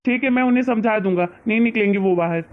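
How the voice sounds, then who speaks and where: A woman voicing a dutiful grown son in a family skit, speaking calmly and soothingly. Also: medium pitch, quick pace, highs cut off, slight background noise, lightly acted. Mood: firm. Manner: soothing, conciliatory.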